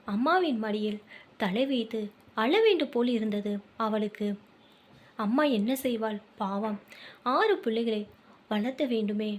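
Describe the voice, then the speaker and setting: A woman with a Tamil accent reads a family short story aloud. Her voice sits a little higher than most women's. She carries both the narration and the characters' lines in the same steady voice. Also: a little slow, long pauses. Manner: reads dialogue and narration in one voice.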